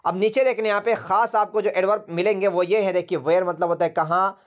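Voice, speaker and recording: A man's voice: high voice, fairly even intonation, a little fast. A man teaching an online English grammar class over a video call, patiently repeating words and spelling them out letter by letter.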